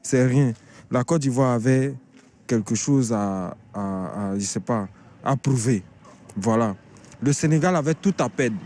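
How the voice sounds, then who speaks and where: A man's voice: mid-range voice, unhurried, a little mellow. A man in his thirties interviewed on the street, talking animatedly and often repeating himself. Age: 30s. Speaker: passer-by interviewed. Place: outdoors on a city street.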